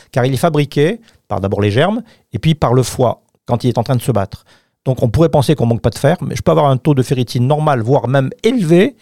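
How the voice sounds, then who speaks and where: A man explaining health matters on the radio with plenty of emphasis. His voice is gravelly and mellow, and the studio sound is close and dry. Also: mid-range voice, no room sound. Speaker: doctor guest.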